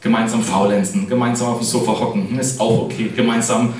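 A man's voice: mid-range voice, steady tone, quick pace, a little mellow, distant mic. A middle-aged man giving a casual sermon, speaking in a chatty way and often asking his listeners "ne?". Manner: chatty, keeps adding "ne?" to address the congregation. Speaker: preacher. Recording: echoey hall, voice from off-mic.

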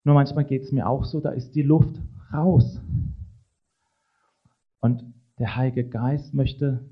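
A man preaching a sermon in a conversational way, often checking in with the congregation with quick tag questions. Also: mid-range voice, slightly rough, dull audio.

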